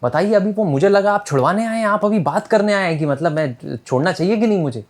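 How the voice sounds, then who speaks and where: A man's voice: fairly high pitch, brisk, a little mellow, voice pushed up, natural voice. A man voicing a hot-headed male prisoner who rants indignantly about his love for animals, in a slangy way.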